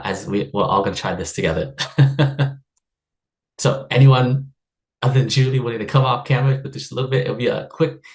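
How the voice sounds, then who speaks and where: Over a video call, a mid-range-voiced man raised in the Seattle area of the United States runs a live online workshop as a stress and wellbeing coach. He keeps it upbeat and chatty, laughing often and using plenty of fillers.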